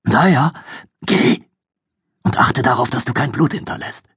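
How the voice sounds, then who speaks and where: A man voicing a worried older sister who speaks in tense, hushed tones in an audiobook. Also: medium pitch, unhurried, slightly rough, no room sound, clean studio sound, pitched above the performer's own voice. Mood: urgent.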